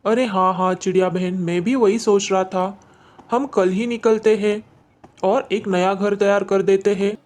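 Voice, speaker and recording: A woman voicing an honest, kindly male crow in a cartoon story, with a lowered, loud voice. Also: fairly even intonation, a little slow, close to an everyday voice. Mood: agreeable. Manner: loud, deeper put-on voice.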